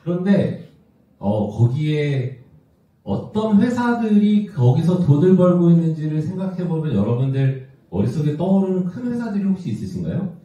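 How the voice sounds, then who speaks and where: A fairly high, warm, sing-song voice belongs to this roughly fifty-year-old Korean executive, who speaks at a normal speed during a business presentation in a big event room. He's conversational and fond of rhetorical questions to the audience. The recording sounds muffled and hollow, distant from the microphone.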